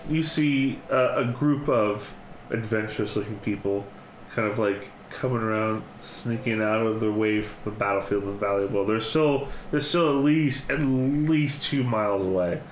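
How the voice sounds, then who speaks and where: A man's voice: lowish voice, normal speed. A man running a tabletop game, narrating off the cuff and often repeating phrases as he improvises. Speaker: game master. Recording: echoey room with faint noise.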